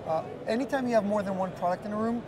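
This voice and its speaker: At a busy trade show booth, a man in his thirties, an executive, is interviewed about a product he explains. He has a high voice and talks fast, while loud crowd noise from the trade show floor surrounds him.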